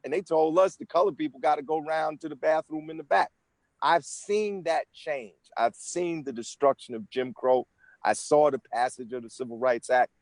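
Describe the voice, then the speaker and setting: A man's voice: on the high side, normal speed, creaky, a little mellow, no room sound. A man in his sixties, an interview guest from the United States, answering questions in an earnest, explanatory way with frequent restarts. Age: 60s. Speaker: interview guest, senate candidate.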